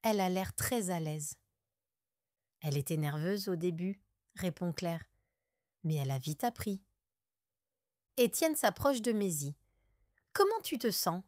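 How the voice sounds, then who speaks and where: Woman audiobook narrator, deliberate and clear, slow learner pacing. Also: on the low side, animated, a little mellow, dry recording, clean studio sound.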